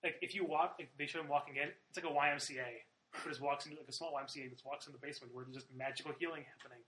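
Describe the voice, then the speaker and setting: A man's voice: a little high, steady tone, rapid-fire, bright, forceful tone, slight background noise, poor audio. A man hosting a casual sports podcast, talking loosely with lots of fillers and swearing. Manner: loose, profane, filler-heavy. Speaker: podcast host.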